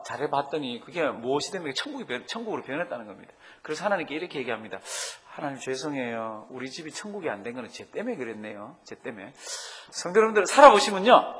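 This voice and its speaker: Male pastor, animated storytelling sermon, reverberant church sound. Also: fairly high pitch. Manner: animated, rising emphatically to make points. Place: church sanctuary.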